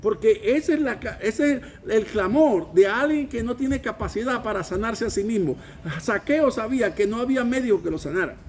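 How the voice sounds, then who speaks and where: A man preaching a sermon in a church, with a high, gravelly voice. He preaches with emphasis and has the congregation repeat his words back to him. Faint noise sits behind the recording. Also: animated, moderate pace, hardly any pauses. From Venezuela. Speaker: pastor.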